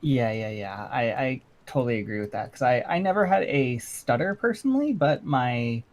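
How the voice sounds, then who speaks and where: A man talking as a guest on a livestream, halting and searching for words, with small laughs. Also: mid-range voice, animated. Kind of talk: casual livestream chat.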